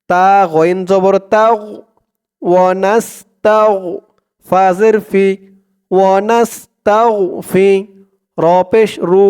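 A male teacher giving a recitation lesson, spelling out letters and vowel marks one by one and joining them into words in a slow, drawn-out chant. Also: clear, resonant tone. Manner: calm explanations, quieter and lower than the recitation.

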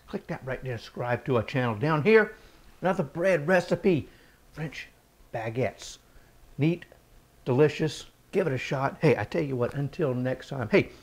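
A man hosting a cooking show, talking casually and enthusiastically while demonstrating a recipe, with frequent chuckles and exclamations. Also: medium pitch.

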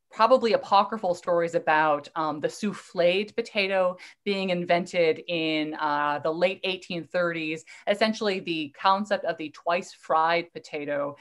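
A middle-aged woman lecturer answering questions in a live online talk, eager and digressive, often restarting her sentences. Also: lowish voice. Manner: enthusiastic, digressive, with fillers and restarts.

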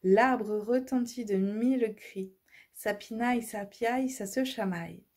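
A woman reading a children's audiobook, lively and expressive. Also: fairly high pitch, unhurried. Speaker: storyteller.

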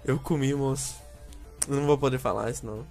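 A young man with a Brazilian Portuguese accent playing an online game with a friend, loud and excitable, yelling at the screen. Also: medium pitch, fast, faint music behind. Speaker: gamer. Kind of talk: excited co-op gameplay chatter.

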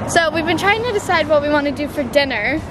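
A woman's voice: high voice, animated, fast talker, crowd noise. A young woman chatting casually to a handheld camera in a playful, teasing way as she vlogs. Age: young adult. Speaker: vlogger. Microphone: camera at arm's length. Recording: noisy outdoor handheld camera, background ambience.

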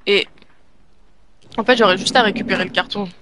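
A let's play gamer giving live gameplay commentary, thinking aloud and bursting into excited urging. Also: medium pitch, fairly quick, background noise.

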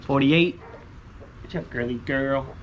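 Casual man chatting over clear outdoor noise. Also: medium pitch, slow, rough recording. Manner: repetitive, slangy, hopeful muttering. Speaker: vlogger scratching lottery tickets. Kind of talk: casual chat to viewers. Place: outdoors on a covered poolside patio.

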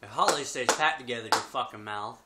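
A young man speaks casually and bluntly to camera with a lip full of dip, swearing freely as he reviews. His voice sits at an ordinary male pitch. The home recording is very noisy, picked up by a camera mic in a living room. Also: fast. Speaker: product reviewer.

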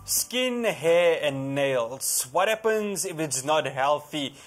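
A young South African man hosts a studio shopping segment in a fairly high voice. He pitches with bright salesman cheer, prompting his guest along. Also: animated, slow, over loud music. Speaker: presenter. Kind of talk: TV shopping presenting. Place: TV studio set.

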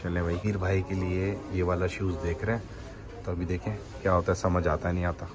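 A man's voice: low-pitched, flat delivery, fairly quick. Playful man vlogging in a busy market. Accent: Karachi Urdu. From Pakistan. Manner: playful, teasing, chatty. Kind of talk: casual family vlog. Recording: busy market crowd behind. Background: market crowd and traffic.

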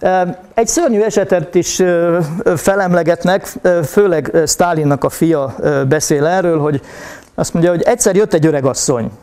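A man giving a public history lecture to an audience, pausing often with filler sounds and addressing listeners politely. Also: a little high, darkish tone, smooth. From Hungary. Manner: hesitant, frequent filler sounds. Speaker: university lecturer.

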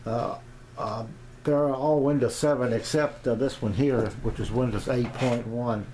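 A middle-aged or older man with a medium-pitched, a little mellow voice and fairly even intonation casually shows off his equipment as an amateur radio hobbyist. Unscripted, he rambles and halts with long hesitations, in a small home radio room captured on a noisy home camera.

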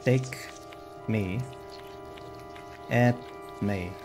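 A man's voice: on the low side, drawn-out words, music in the background. A man voicing a broken, dying female doll in a horror game, pleading faintly one word at a time. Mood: weak, pleading.

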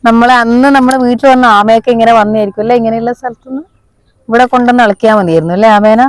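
A woman's voice: a little high, very fast, dry recording. A woman chatting casually to vlog viewers, mixing English words into her Malayalam. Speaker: vlogger. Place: outdoors on a village road beside fields.

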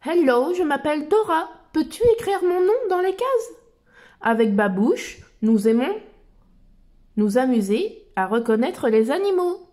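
A woman voicing a cheerful young explorer girl in a children's storybook reading, asking bright quiz questions. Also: sits high, sing-song, measured pace, voice pushed up. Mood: cheerful, questioning.

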